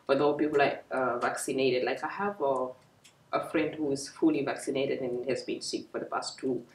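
A woman's voice: rumbling low, a little mellow, slight background noise. A young woman, a working mother, chatting casually in a vlog and explaining step by step with fillers. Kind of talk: casual vlog talk to camera. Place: home, indoors. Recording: echoey room, mic at a distance.

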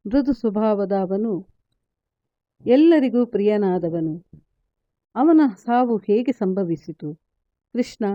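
A woman's voice: medium pitch, dry recording, lo-fi sound, lightly acted. A woman voicing a grieving mother princess from an epic, lamenting and asking pained questions. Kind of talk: storytelling narration.

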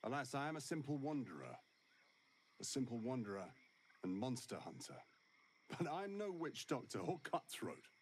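An actor playing a wry, world-weary wandering monster hunter in a video game, with dry, sardonic delivery. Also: male voice, medium pitch, very animated, moderate pace, a little hiss or hum. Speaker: game character.

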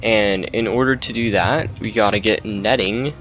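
A young man narrates his own gameplay casually and with self-mockery, yelping and laughing whenever things go wrong. His voice is on the low side and a bit bright, at a moderate pace, with faint music in the background.

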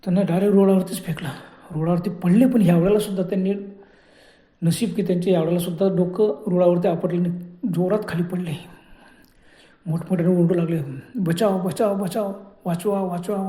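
A man narrating a horror story dramatically, dropping to hushed whispers at tense moments. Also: sits high, steady tone, brisk, long pauses. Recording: echoey room.

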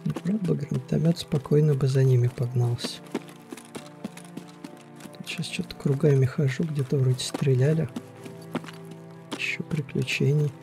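Creaky-voiced man commenting on gameplay. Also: mid-range voice, steady tone, unhurried, pauses often, music in the background. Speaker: gaming video creator.

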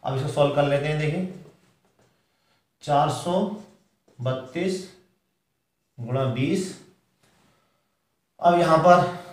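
A man's voice: medium pitch, darkish tone, recorded from a distance. Hindi-accented man teaching math in an echoey room. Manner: works problems step by step, asking and answering himself. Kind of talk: whiteboard math lesson.

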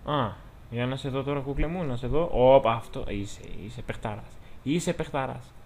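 Here a Greek-accented man narrates his game in a mid-range, slightly mellow voice. He's chatty and full of jokes, chatting directly with the characters while he plays.

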